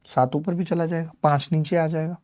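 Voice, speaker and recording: A man's voice: on the high side, fairly even intonation, brisk, darkish tone. Male maths tutor for a live class. Chatty, teases students by name, explains step by step. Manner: explains step by step, repeats key numbers. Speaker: maths teacher.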